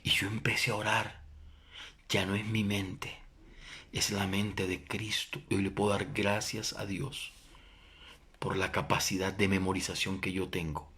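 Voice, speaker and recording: A middle-aged Colombian pastor giving a sermon testimony, emphatic, swinging between loud declarations and hushed prayer. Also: male voice, low-pitched, level tone, unhurried, slightly rough.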